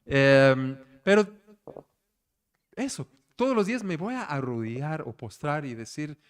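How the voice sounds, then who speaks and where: Male pastor, middle-aged, somewhat high voice; chatty church sermon, storytelling, quizzes the congregation. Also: unhurried, clean tone. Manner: animated storyteller, asks the congregation questions. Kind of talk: conversational sermon. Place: church service.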